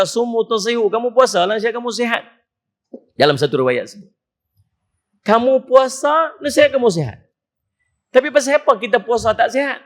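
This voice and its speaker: A man with a Penang Malay accent giving a humorous, animated mosque lecture, mimicking people as he preaches. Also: very high-pitched. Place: mosque hall.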